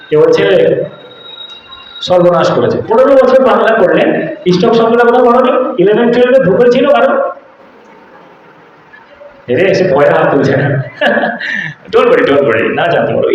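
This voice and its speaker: A man with a Bengali accent teaching a spoken English class to students, mixing English phrases into his talk and quizzing the room. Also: sits high. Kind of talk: classroom lecture. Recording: muffled echoey room recording with faint hiss.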